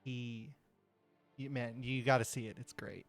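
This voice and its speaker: A man's voice: mid-range voice, fairly even intonation, unhurried, soft background music. A man voicing a crude, laid-back henchman in a tabletop game, drawling and cursing casually. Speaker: game master.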